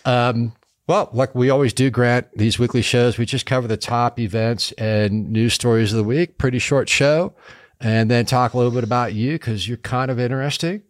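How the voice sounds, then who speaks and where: A man's voice: mid-range voice, fairly even intonation, normal speed, no room sound, studio quality. A middle-aged man hosting a casual local news chat show, upbeat and jokey, with frequent ums. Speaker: show host.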